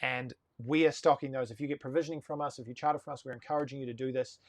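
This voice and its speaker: Heard with no echo, a medium-pitched man roughly forty years old, who heads a sailing charter business, chats as a guest on a casual live stream. He tells stories animatedly, speaking in quick spurts.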